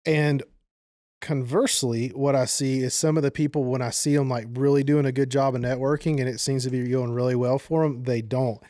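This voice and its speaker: A man co-hosting a podcast, talking in a measured, modest, conversational way. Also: mid-range voice, steady tone, mellow, dry recording, studio quality. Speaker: podcast co-host. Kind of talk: casual conversation.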